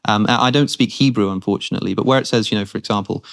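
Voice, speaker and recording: A man's voice: fairly low pitch, very fast, gravelly, fairly bright tone. A man speaking as a guest in a long-form conversation, thinking aloud earnestly with frequent restarts.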